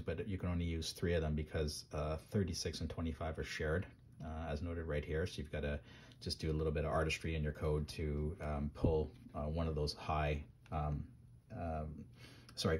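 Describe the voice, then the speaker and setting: A man's voice: very deep voice, flat delivery, normal speed, a little mellow. A man at his workbench casually showing microcontroller boards, rambling with lots of ums and restarts. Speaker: maker reviewing microcontrollers. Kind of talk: casual hands-on tech demo.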